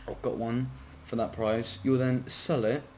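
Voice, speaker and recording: A man's voice: medium pitch, level tone, measured pace, darkish tone, a little hiss or hum. A man giving a casual, rambling game tutorial, sleepy and yawning, often apologizing, correcting himself and swearing.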